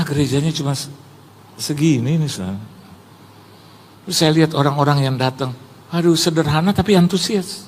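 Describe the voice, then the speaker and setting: A male pastor, preaching a lively sermon full of stories and acted-out voices. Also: fairly high pitch, long reverb tail. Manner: animated, acts out quoted voices, chatty Jakarta slang.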